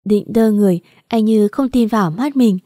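A woman narrating an audiobook story, steady and even. Her tone is warm and mellow. The recording is dry and close. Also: mid-range voice, normal speed, dry recording.

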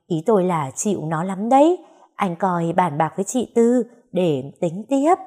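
A woman putting on a gruff, bossy older village matron. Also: expressive, measured pace, mellow. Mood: domineering. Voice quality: gruff deep voice. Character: stout fierce older village woman, domineering.

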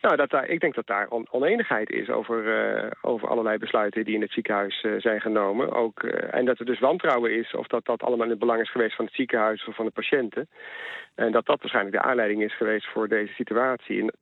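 A man's voice: fairly low pitch, fast, gravelly, no room sound. Hesitant man on a tinny phone line. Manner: hesitant, many fillers and restarts. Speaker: health economist guest. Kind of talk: phone interview on news radio. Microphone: telephone.

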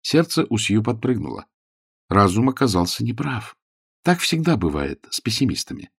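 A man narrating a novel aloud in a wry, measured storytelling manner. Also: fairly low pitch, sing-song, vocal fry, husky, no room sound, clean studio sound. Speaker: audiobook narrator. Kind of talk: scripted narration.

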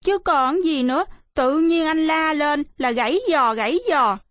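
A woman voicing a timid little girl in a storybook reading, speaking in a high, childish, pleading whine. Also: measured pace, no echo. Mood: whiny protest.

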